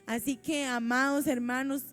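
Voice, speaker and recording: A woman's voice: high voice, steady tone, normal speed, a bit bright. A woman with a Costa Rican accent preaching a sermon in a church, reading scripture aloud and commenting on it fervently.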